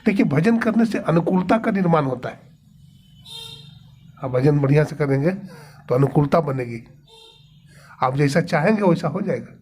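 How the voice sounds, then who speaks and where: A man's voice: a little high, expressive, normal speed, pauses often, darkish tone, slight background noise. A man giving a devotional sermon, asking rhetorical questions and answering them himself. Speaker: spiritual preacher.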